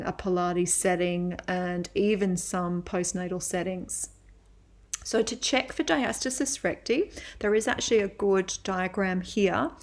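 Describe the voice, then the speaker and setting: Slow, measured woman lecturing on health. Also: on the low side. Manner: slow, measured explaining with frequent "um" pauses. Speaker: women's health physiotherapist and yoga teacher. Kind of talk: educational webinar lecture.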